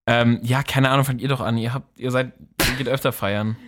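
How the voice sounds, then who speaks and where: A man's voice: medium pitch, fairly even intonation, brisk, fairly bright tone. A young man co-hosting a podcast, chatting casually, teasing his friends and laughing often. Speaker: podcast co-host. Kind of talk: casual chat.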